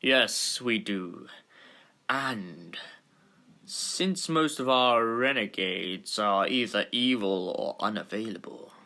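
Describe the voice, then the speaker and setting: This male actor, voicing the same kind of stern, formal Time Lord president for a sci-fi audio drama, uses pompous deliberation and heavy pauses. His voice sits on the low side with a sharp tone and lively intonation, heavily acted, while the mood stays measured and formal.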